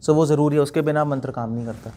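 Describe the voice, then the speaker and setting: A man's voice: on the high side, fairly even intonation, fast, dark tone, a little hiss or hum. A man, a monk giving a spiritual talk, questioning his listeners and demonstrating chants. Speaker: monk teacher.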